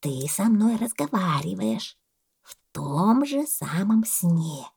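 A woman's voice: mid-range voice, very animated, creaky, husky, full character voice. A woman doing a drowsy whispering boa. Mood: calm drowsy. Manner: slow, hushed, half-whispered. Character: sleepy slow-talking male boa snake.

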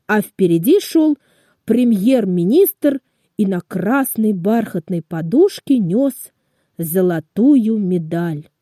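A woman narrating a children's storybook aloud, slowly and expressively. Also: medium pitch, no echo, studio quality. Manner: slow, expressive, lively. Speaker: storybook reader.

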